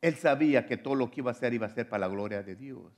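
A man's voice: mid-range voice, rapid-fire, darkish tone. A man preaching a sermon. He speaks earnestly and directly to his listeners, often restarting words, and grows more fervent and emphatic.

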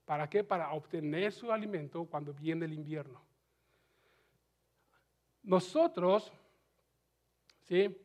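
A man's voice: lively intonation, takes it slowly, pauses often. A man preaching a sermon, putting questions to the congregation and rising in fervor as he urges them on. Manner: rising to a fervent pitch when urging the congregation; asks the audience questions and restarts phrases.

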